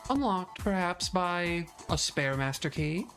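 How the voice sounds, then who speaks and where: Low-voiced determined defense attorney, deliberate, read by a woman over music. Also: expressive. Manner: deliberate courtroom argument, building up points. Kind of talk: reading a courtroom visual novel aloud. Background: background music.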